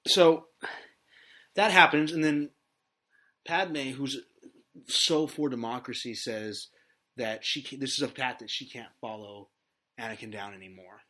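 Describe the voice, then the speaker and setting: A man with a bright, forward voice at an ordinary middle pitch, chatting on a podcast. He recaps things in a loose, rambling way, pausing on fillers as he goes. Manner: rambling recap with hesitations and laughs. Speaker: podcast host. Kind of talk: casual podcast chat.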